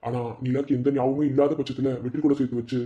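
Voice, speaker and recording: A man's voice: mid-range voice, flat delivery, quick pace, mellow, natural voice. A man voicing a middle-aged village man in a cartoon, earnestly reassuring his family, with a Madurai Tamil accent. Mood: thoughtful. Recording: dull lo-fi audio.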